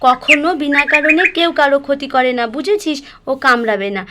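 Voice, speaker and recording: Woman, high voice, bossy scolding big sister for a doll story. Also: brisk, very noisy. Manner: scolding, bossy, then soft and soothing. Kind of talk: scripted doll story acting.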